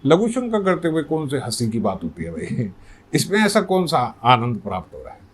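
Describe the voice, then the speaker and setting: A man's voice: medium pitch, huge pitch swings, moderate pace, slight background noise. A man telling a religious story in a sermon, conversational and full of rhetorical questions. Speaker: spiritual storyteller.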